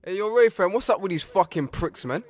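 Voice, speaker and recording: High-voiced aggressive South London man. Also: expressive, a little fast, heavy background noise. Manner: aggressive, profane, mocking. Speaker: rapper. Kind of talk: diss skit.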